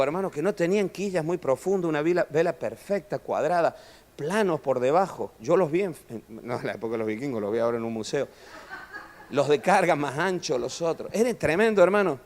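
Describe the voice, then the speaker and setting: A man preaching a sermon in a church hall, animated and joking with his listeners, often calling them brother. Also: fairly high pitch. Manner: animated preaching, constantly saying "hermano", jokes with the audience. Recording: long reverb of a church hall.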